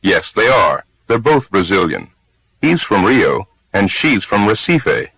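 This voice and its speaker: A man's voice: lowish voice, very animated, takes it slowly, a bit bright, breathy edge, dry recording, poor audio. A man reading short answers in English course drills, with careful, evenly paced reading. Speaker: speaker B in language drills. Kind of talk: recorded language-course dialogue.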